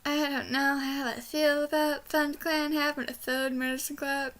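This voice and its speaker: A book reviewer talks casually from her small bedroom in a rambling vlog, her voice high, flat, fairly bright and moderately paced. The young woman can't quite pronounce R, substituting a W instead.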